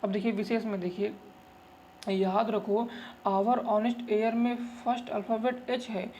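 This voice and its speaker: Slowly and in a level tone, a man with a high-pitched, darkish voice walks students through English grammar, circling back over his points. He coaxes them with "look" and "okay," adding fond asides and calling them "babu." There's slight background noise.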